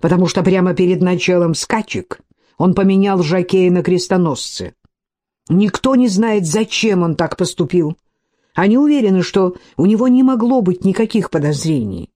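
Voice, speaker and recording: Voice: medium pitch, animated, normal speed, dark tone, close to an everyday voice. A reader voicing a proud, hot-tempered young aristocrat who speaks curtly and flares up. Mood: heated. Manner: curt, seething, rising to outbursts.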